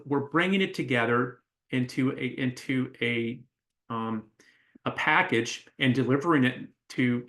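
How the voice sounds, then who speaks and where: A man's voice: mid-range voice, fairly bright tone. A man, a police trainer giving a panel answer, thinking aloud with many restarts and fillers.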